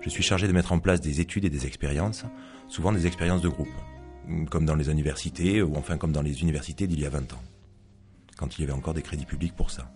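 A man's voice: rumbling low, fast talker, a little mellow, faint music behind. A man reading as a sneering rational psychologist. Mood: scornful. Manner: dry, mocking monologue with asides to an unseen listener. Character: sardonic rational male psychologist narrator, scornful of belief. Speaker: author reading his novel aloud. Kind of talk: read-aloud first-person fiction.

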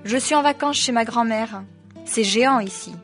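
A woman reading aloud and voicing a cheeky, unimpressed ten-year-old boy who fires off quick, chatty questions. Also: on the high side, faint music behind, lightly acted.

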